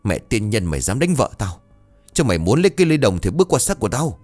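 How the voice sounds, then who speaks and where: Man voicing a furious poor peasant man, quick angry outbursts, lively pitch swings, storybook ghost tale. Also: soft background music. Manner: enraged, fast outbursts.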